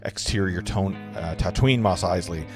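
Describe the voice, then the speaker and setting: At an informal script reading, a man with a lowish voice reads the scene directions plainly at a moderate pace. He sometimes stumbles over words and corrects himself, while guitar music plays clearly in the background.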